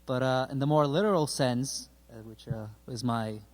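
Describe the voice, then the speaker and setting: A man's voice: medium pitch, moderate pace. Thoughtful man with a Brazilian accent. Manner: thoughtful, rambling explanation. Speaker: playwright. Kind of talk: casual interview talk.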